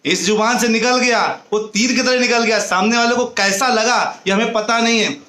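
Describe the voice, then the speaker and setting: High, bright-voiced man giving a sermon. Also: normal speed, reverberant. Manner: tells parables and chants mantras, with a light laugh. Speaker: preacher. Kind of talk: devotional discourse with storytelling.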